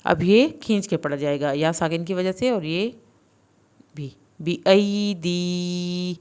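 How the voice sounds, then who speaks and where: In a recorded online lesson, a female Quran reading teacher with a low, smooth, resonant, slightly mellow voice deliberately spells out each syllable and joins them into words. Between drills she offers brisk, plain, teacherly explanations of the rules.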